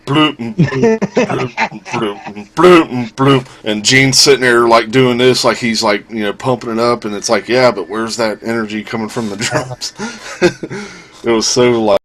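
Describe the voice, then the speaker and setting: A man co-hosting a casual music podcast, animated and quick to laugh, imitating drum sounds as he talks. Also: medium pitch. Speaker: podcast co-host. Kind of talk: casual chat.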